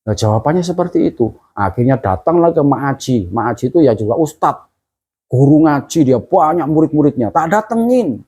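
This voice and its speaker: A man's voice: a little high, expressive, a little fast, mellow, husky. A man telling his own spiritual story in an earnest, emotional, colloquial way. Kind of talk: personal testimony storytelling.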